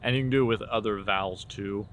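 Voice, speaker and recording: A man talking as a casual drama teacher, informally explaining and demonstrating theater warm-up exercises. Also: lowish voice, fast talker. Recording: clear steady background noise.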